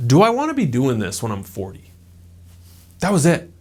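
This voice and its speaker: A man's voice: mid-range voice, huge pitch swings, normal speed, a little mellow, breathy edge. A man in his thirties giving a casual, conversational motivational talk as a self-improvement YouTuber, peppering his speech with "like" and "right?".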